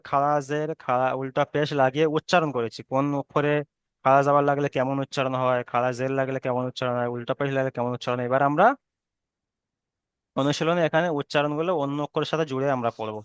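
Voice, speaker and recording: A man's voice: medium pitch, smooth, dry recording. A man teaching an online Arabic reading lesson with a Bengali accent, patiently spelling out letters and correcting students.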